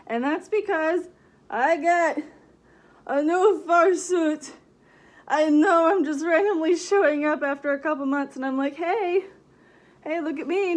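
A woman chatting casually in a vlog, giggly and rambling, her voice muffled inside a costume head. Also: high voice. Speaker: vlogger.

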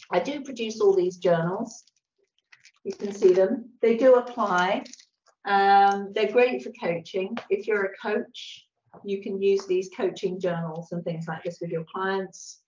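A woman giving an animated webinar presentation as a video call. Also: mid-range voice, slight background noise. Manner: animated, acts out little voices. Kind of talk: presentation talk. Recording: echoey, dull lo-fi sound.

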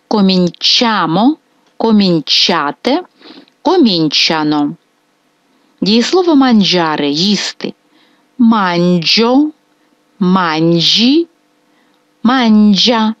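Slow, lively-voiced woman teacher. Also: mid-range voice, no echo, lo-fi sound. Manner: slow, careful drilling of verb forms. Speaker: Italian language teacher. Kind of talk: video grammar lesson.

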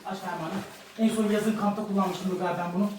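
A father barking quick orders again and again while he rigs up a family project at home. He talks very fast and repeats himself. His voice bounces around a very echoey room, picked up from a distance over steady background noise. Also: high-pitched. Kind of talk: family vlog, playful bossy chatter.

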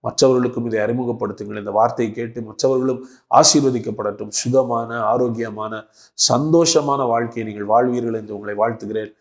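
A man from Tamil Nadu preaches straight to the camera in a devotional video, his voice sitting at an ordinary middle pitch. He builds his sermon and prayer from short, rhythmic phrases that he repeats for emphasis. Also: steady tone, brisk. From Tamil Nadu, India. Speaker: pastor. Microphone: speaking to camera for a video.

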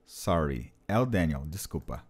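Lively man teaching English. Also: very deep voice, a little slow, noisy background. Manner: patient, repeats and translates phrases. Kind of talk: explanatory language lesson.

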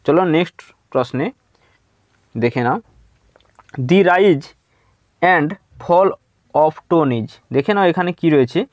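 A man teaching an exam-prep lesson. He reads English questions slowly and explains them in Bengali, often filling with "thik ache.". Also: a little high, expressive, dry recording. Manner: repeats "thik ache" as a filler. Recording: dull lo-fi dry close mic.

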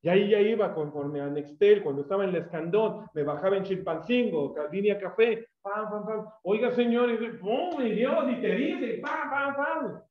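High-voiced Mexican preacher in an echoey room. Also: male voice, moderate pace, hardly any pauses. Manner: lively storyteller who acts out quoted voices. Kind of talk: storytelling sermon. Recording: echoey, dull room sound.

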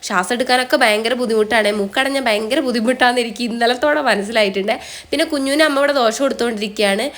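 A woman's voice: fairly high pitch, very fast. A young Malayali woman with a blocked, nasal voice from a cold, chatting through a casual voice-over for her vlog. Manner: chatty, often ends phrases with a soft tag word. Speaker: vlogger.

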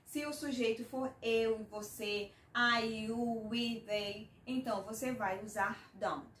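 A Brazilian woman with a Brazilian Portuguese accent and a slightly high voice gives a patient English mini-lesson. She repeats her example sentences slowly and clearly. The sound is roomy and echoey, with the mic set some way off. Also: fairly even intonation, a bit bright, recorded from a distance, slight background noise. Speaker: English teacher.

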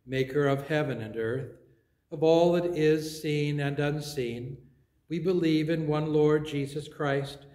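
Priest with an echoing church sound. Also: male voice, a little high, darkish tone. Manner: measured, solemn recitation. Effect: echoing church reverb. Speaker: priest leading worship. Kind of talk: liturgical service leading.

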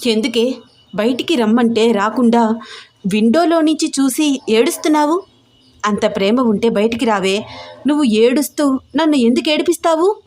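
An insistent, pleading young man who begs to be heard, read by a woman storyteller in her own fairly high voice. He keeps pressing his case in an audio story. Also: lively intonation, normal speed, pauses often, darkish tone, natural voice. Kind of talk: audio story character reading.

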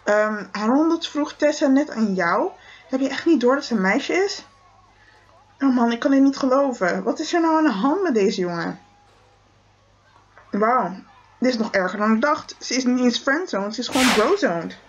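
A woman's voice: fairly high pitch, expressive, moderate pace, muffled recording, lightly acted. Woman voicing a chatty teen cousin. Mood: amused. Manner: amused, chatty. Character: amused teenage girl cousin playing matchmaker. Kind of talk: toy-figure film voicing.

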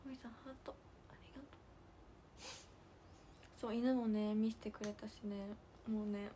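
A young woman with a hosting a casual livestream. She chats and giggles, reads out fan comments, and drops to soft near-whispers to thank viewers. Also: medium pitch, steady tone, normal speed, a little hiss or hum. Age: young adult. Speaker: idol livestream host.

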